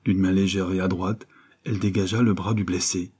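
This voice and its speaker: A man reading an adventure novel aloud as an audiobook, steady storytelling that lifts his voice for the characters' lines. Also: deep voice, brisk, breathy edge. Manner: steady storytelling with lifted voice in dialogue. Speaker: audiobook reader. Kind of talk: audiobook narration.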